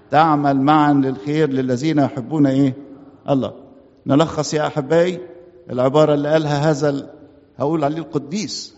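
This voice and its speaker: A man with an Egyptian Arabic accent delivers a sermon in a slightly high voice. He poses rhetorical questions and answers them himself, and he slows down to lean on scripture quotes. The recording is muffled and rings with long church reverb. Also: a little mellow. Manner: quotes scripture slowly and emphatically.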